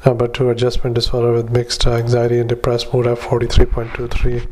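A man who is a doctor, dictating clinical notes into a dictaphone, halting often with drawn-out "uh"s. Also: medium pitch, monotone, darkish tone. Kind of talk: medical dictation.

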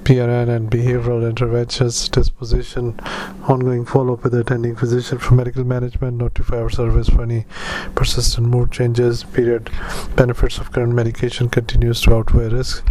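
A man speaking as a doctor doing medical dictation, in halting, clipped phrases with spoken punctuation. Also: medium pitch, completely flat delivery, dark tone, slight background noise, low-quality recording. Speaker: doctor dictating clinical notes.

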